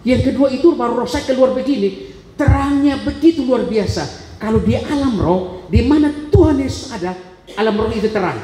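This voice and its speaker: A man's voice: high-pitched, warm tone. A man giving a dramatic sermon testimony, acting out voices and gasps as he tells it. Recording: echoey hall reverb.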